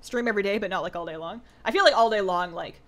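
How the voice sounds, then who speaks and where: A woman with a medium-pitched voice talks fast while gaming on a live stream, chatting casually with viewers and reading their questions aloud. After two hours of talking her voice is a little worn, and she says "like" and "um" often.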